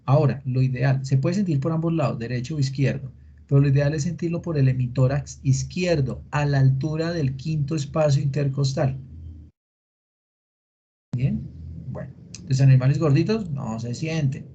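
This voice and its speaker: A man teaching a veterinary class in an online meeting, explaining step by step, quizzing students and filling pauses with "eh". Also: mid-range voice, mellow, a little hiss or hum. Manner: explanatory, asks students questions, frequent fillers. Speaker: veterinary lecturer. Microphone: computer mic in a video call. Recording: dull lo-fi meeting recording.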